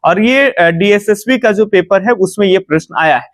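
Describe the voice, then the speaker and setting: Brisk high-voiced Bihari Hindi teacher. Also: male voice, no echo. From India. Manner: brisk, repeats "theek hai" and "fatafat se bataenge", drawn-out "a" fillers. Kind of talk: exam-prep lesson.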